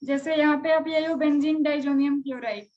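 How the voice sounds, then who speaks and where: High-pitched woman teaching chemistry, muffled. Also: fairly even intonation, a little fast, a little mellow. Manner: conversational, checks on students often. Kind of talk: live online class lecture.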